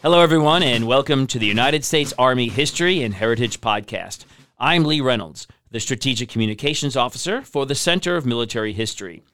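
A podcast host with a mid-range, expressive, fairly bright voice talks at a fairly quick clip over slight background noise. Upbeat and engaged, he introduces his guest and questions them in a hosted interview.

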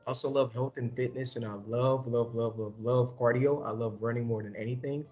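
A man's voice: mid-range voice, fairly even intonation, brisk, a little mellow, highs cut off. A man of twenty from Texas, a soldier, introducing himself in an upbeat, fluent way. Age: 20s.

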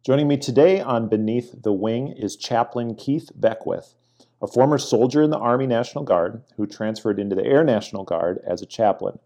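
A man's voice: fairly low pitch, warm tone. A middle-aged man hosting a conversational podcast interview. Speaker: podcast host. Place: inside a church.

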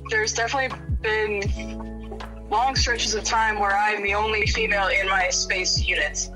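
Female army interviewee, mid pitch, modest hesitant answers, clear music underneath. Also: fairly even intonation, a little slow, low-quality recording.

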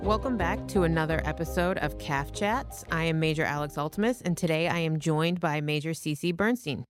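A woman's voice: sits low, brisk, faint music behind. An American woman hosting a scripted legal discussion as a military lawyer. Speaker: podcast host, military lawyer.

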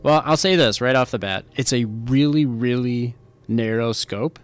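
A man's voice: mid-range voice, normal speed, clear, resonant tone, soft background music. A man hosting a podcast, explaining legal points in a casual, conversational way and repeating key points for emphasis. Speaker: podcast host, military lawyer.

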